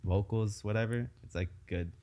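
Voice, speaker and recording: A man in his twenties hosting a casual interview podcast, relaxed and full of filler words. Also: lowish voice, normal speed. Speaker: podcast host.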